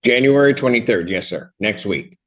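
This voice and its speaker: A male judge running a courtroom hearing, brisk and directive as he moves through cases. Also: medium pitch, lively intonation, a bit bright, highs cut off.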